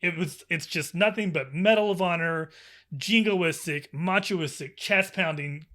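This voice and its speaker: A man co-hosting a casual podcast, talking fast with sarcasm and frequent swearing. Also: a little high. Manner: profane, sarcastic, animated. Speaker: podcast co-host. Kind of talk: casual gaming podcast chat.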